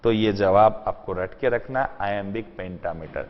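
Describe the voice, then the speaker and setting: A man's voice: fairly low pitch, moderate pace. A man teaching an exam-prep lesson, asking rhetorical questions and answering them himself, mixing in English terms. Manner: mixes in English terms and sentences. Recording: dull lo-fi sound in a long-reverb room.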